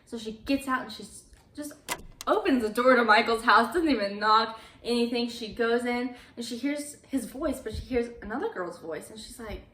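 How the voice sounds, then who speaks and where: A woman's voice: on the high side, normal speed, fairly bright tone, slight background noise. A young adult woman recapping a movie in a casual, chatty way, with lots of "like" fillers. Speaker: YouTuber. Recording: roomy echo.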